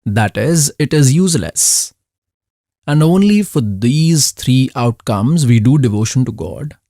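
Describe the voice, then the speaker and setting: A man delivering a scripted spiritual discourse in a slow, deliberate manner, pausing often between short phrases. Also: mid-range voice, lively intonation, dark tone, dry recording, clean studio sound. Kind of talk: religious discourse, scripted voice-over.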